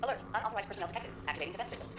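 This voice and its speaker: Brief: female security alarm voice on a distant air raid loudspeaker, rapid-fire, with loud gunfire behind. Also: mid-range voice, animated, roomy sound, noisy background. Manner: clipped, urgent warning announcements. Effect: air raid loudspeaker announcement.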